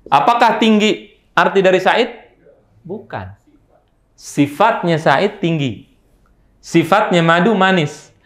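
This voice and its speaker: Male Islamic teacher, fairly high voice, rhetorical questions, roomy hall sound. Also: a bit bright. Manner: asks the audience questions and answers them himself. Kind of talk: religious study lecture. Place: mosque office study hall.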